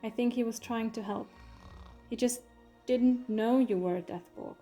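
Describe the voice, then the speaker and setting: A woman's voice: a little high, unhurried, dark tone, faint music behind. A woman playing the Doctor, a playful, clever alien traveller, in a fan audio drama, talking in a wry, coaxing, conversational way.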